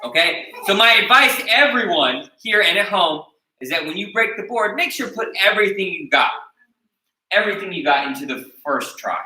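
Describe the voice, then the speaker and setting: Captured from afar in an echoey room, an American man leads a taekwondo class, instructing his students and asking "okay?" after each point. His high voice is expressive and brisk, with a pushed, bright quality.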